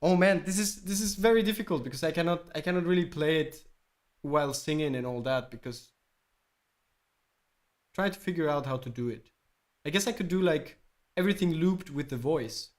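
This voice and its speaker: A man's voice: fairly high pitch, normal speed, pauses often. A man musician on a live stream, chatting casually between takes, rambling and self-deprecating and losing his train of thought.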